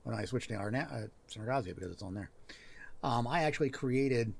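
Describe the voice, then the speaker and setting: Gravelly man hosting a casual stream. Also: mid-range voice, animated. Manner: thinks aloud, pausing and restarting as he reads. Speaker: host of a writing and worldbuilding help stream. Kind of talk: casual live-stream chat while reviewing work on screen.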